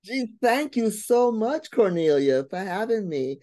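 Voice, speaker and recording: Older lady guest, mellow lively storyteller, dry close sound. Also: medium pitch, unhurried, no echo. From Barbados. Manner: warm, lively, humorous storyteller. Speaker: guest, brain and behavior coach. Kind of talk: storytelling in a radio interview.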